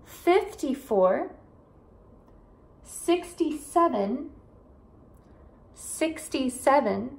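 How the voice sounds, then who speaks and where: A young woman teaches a language lesson in a high voice at an unhurried pace. Her native language is English, and her Portuguese carries a clear American English accent. She speaks as a teacher addressing viewers. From United States. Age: young adult. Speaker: English teacher and channel host. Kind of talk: bilingual language lesson to camera. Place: indoors beside a whiteboard.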